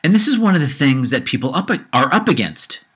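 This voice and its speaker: A podcast host delivers a casual solo rant, his heat climbing as he repeats himself again and again. He's got a low-grade cold, heard faintly in a husky, fairly bright voice that sits a little high, sing-song and fairly quick.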